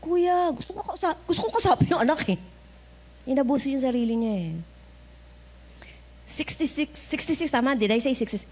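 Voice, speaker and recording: A woman with a Filipino accent and a bright, high voice preaches in church. She tells her stories in a lively way, acts out the dialogue and laughs often. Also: fast talker. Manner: animated storytelling, acting out dialogue, laughing often. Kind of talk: sermon.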